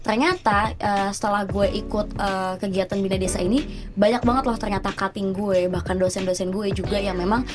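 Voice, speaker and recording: A woman's voice: mid-range voice, fairly quick. A young adult woman who cannot roll her r's, chatting casually and slangily and acting out what people said. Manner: animated, acts out quoted remarks. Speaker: podcast guest, student and radio announcer. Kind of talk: casual chat, slangy storytelling. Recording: music bed behind the voice. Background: music.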